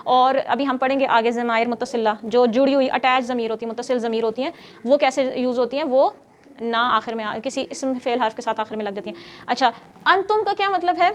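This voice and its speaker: High-voiced woman teaching grammar. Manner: explains step by step and quizzes students; scolds noisy students. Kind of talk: classroom grammar lesson.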